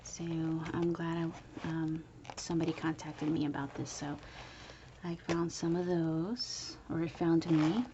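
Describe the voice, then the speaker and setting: Woman whispering a casual craft show-and-tell at home, low voice, hiss in the background. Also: level tone, unhurried, muffled recording. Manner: soft whispering, chatty, with fillers. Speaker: crafter showing handmade planners. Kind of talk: whispered early-morning craft video. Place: home, early morning.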